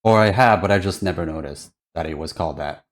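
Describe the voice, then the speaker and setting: A man's voice: deep voice, fast talker. A man giving casual reaction commentary as a streamer, hesitant and musing aloud as he goes.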